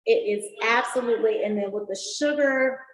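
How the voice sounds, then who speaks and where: A woman's voice: a little high, normal speed. A woman hosting a casual online cocktail class, chatty and upbeat, explaining each step as she mixes. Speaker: mixology instructor. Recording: echoey room with faint noise.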